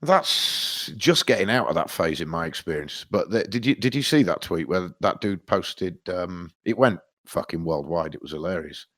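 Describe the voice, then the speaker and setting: Deep-voiced swearing podcast dad. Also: male voice, normal speed, hardly any pauses. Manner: sweary, animated storytelling. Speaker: podcast co-host. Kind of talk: casual chat.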